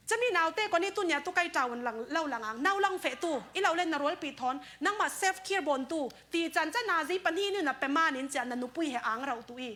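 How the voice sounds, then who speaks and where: A woman's voice: sits high, pushed and bright. A woman preaching a sermon in a conversational way, dropping in English words now and then.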